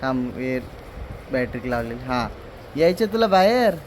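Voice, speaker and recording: A man hosts a home prank vlog, teasing and cajoling a relative in a relaxed, chatty way. His voice sits at a middling pitch, with some faint noise in the room behind him. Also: moderate pace. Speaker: vlogger. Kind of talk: casual family prank vlog. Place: indoors at home.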